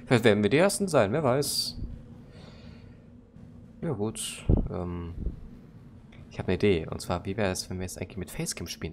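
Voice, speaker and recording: A man with a fairly low voice plays a horror game and jokes his way through it, chatting back at the game as if it could hear him. He stumbles a little when reading English text aloud. A heavy wash of noise runs under the whole recording. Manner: joking, talks to the game and its monster. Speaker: gaming YouTuber. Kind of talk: let's play commentary. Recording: loud background noise.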